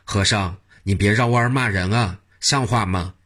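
A man's voice: lowish voice, fairly bright tone. A male storyteller doing an angry tripe seller. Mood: indignant. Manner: touchy and quick to anger. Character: irritable middle-aged male tripe seller.

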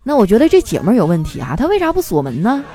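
A woman hosting a comic storytelling podcast, reading out listeners' jokes and breaking into laughter along the way. Her voice is mellow and a little high, and it swoops up and down constantly. Faint music plays behind her. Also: racing. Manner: laughs often while reading, lively. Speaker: host reading joke submissions.

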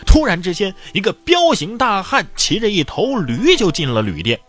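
A man telling an old tale in a lively, colloquial way, with playful asides. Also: high-pitched, normal speed, soft background music. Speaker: storyteller. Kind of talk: animated oral storytelling.

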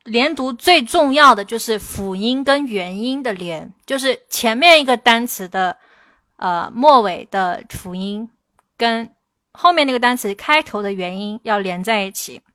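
A woman English teacher answering viewers' questions in a livestream, explaining slowly and stressing her English examples. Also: a little high, animated, sharp tone, dry recording. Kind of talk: livestream Q&A lesson.

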